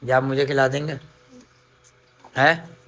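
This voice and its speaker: A man's voice: mid-range voice, flat delivery, measured pace, fairly bright tone. A young man, chatting casually to camera as a family vlogger, playful and talking to viewers like friends. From Pakistan. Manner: chatty, playful, addresses viewers as guys and brother. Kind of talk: casual vlog narration to camera.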